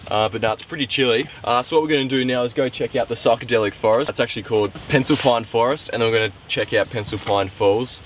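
A young man from Tasmania speaks fast, with few pauses, in a medium-pitched voice as he vlogs his hike. Holding the camera at arm's length on a wet, windy mountain, he rambles with enthusiasm and ums. The outdoor sound includes noticeable background noise.

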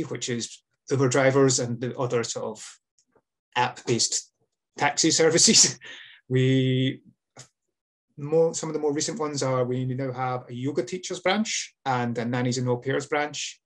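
A young adult man with a Scottish accent presenting a workshop informally and with some self-awareness, as a union officer on a video call. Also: mid-range voice. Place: indoor room, video call with webcam.

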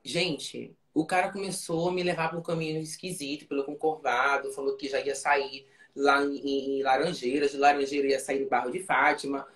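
A woman's voice: a bass voice, level tone, normal speed. A woman guest in an interview, casually telling a story with fillers and frequent check-ins like asking if the listener follows. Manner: tells it vividly, often checking in with "entendeu?". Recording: roomy echo.

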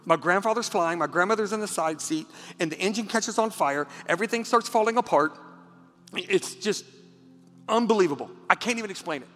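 A man preaching a passionate sermon as pastor, repeating words when moved and dropping to a hush for a personal story. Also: high voice, a little fast. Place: church sanctuary. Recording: church hall with reverb and faint music.

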